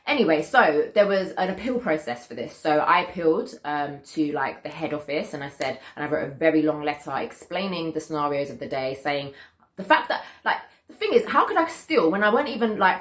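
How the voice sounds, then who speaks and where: Casting: young British woman, low voice, casual storytime vlogger, emphatic and indignant, recorded in a roomy echo. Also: fairly bright tone. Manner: emphatic, indignant, repeats points for stress. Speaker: vlogger telling a personal story.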